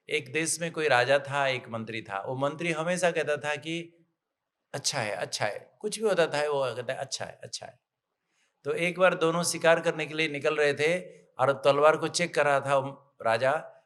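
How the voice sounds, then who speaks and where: A middle-aged man giving a motivational spiritual talk, telling a parable and acting out the characters in lively, excited bursts. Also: a little high, normal speed.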